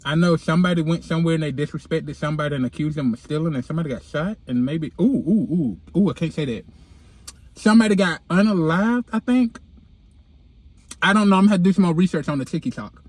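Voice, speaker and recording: High-voiced man with a lisp, whistling s. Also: quick pace, a little mellow, no room sound. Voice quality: lisp with whistling s from dental aligners. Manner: slangy, candid, sassy. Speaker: vlogger, podcast host. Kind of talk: casual chat to followers. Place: inside a car. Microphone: handheld phone.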